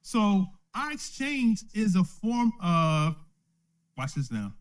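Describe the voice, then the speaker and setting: Slow, lively-voiced elder teaching scripture. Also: male voice, sits high, clear, resonant tone. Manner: asks "right?" after most points, chuckles often. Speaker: elder teaching a Bible lesson. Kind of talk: informal Bible teaching. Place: recorded at home or a small study, streamed live.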